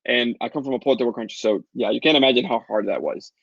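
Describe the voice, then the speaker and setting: Caribbean guy w spanish accent doing a fast webinar sales pitch, kinda husky, dull dry audio. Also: a bit bright, dry recording. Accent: Latin American Spanish. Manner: fast, upbeat sales pitch answering chat questions. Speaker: online course seller hosting a webinar. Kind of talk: live webinar Q&A.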